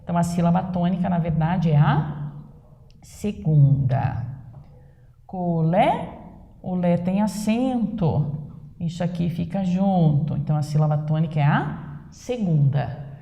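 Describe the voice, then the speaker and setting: A woman teacher with a Brazilian Portuguese accent, giving a grammar lesson slowly and emphatically, posing rhetorical questions. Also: lowish voice, lively intonation, creaky, warm tone, highs cut off. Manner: slow, drawn-out emphatic explanation with rhetorical questions. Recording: echoey room with long reverb.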